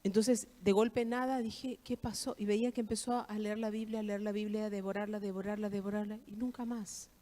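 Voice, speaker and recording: A woman's voice: mid-range voice, level tone, fairly quick, hardly any pauses, warm tone. A middle-aged woman with an Argentine Spanish accent speaks at a church service. Her voice sits in a medium register, and she tells her testimony earnestly, repeating key phrases for emphasis. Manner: heartfelt, emphatic repetitions. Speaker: guest speaker giving testimony.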